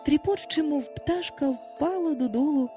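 A woman's voice: sits high, normal speed, soft background music. A woman narrating a children's storybook aloud, voicing each character in turn. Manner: expressive, voices each character. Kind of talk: storybook reading with character voices.

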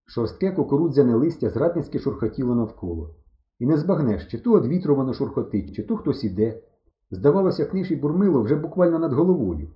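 A man reading an audiobook aloud, narrating in the first person with dramatic, expressive delivery. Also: medium pitch. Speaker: audiobook reader. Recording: roomy, dull recording.

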